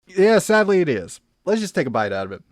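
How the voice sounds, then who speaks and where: A man's voice: high-pitched, big pitch swings, fast, dry recording, studio quality. Sarcastic male film reviewer. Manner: exclamatory, sarcastic.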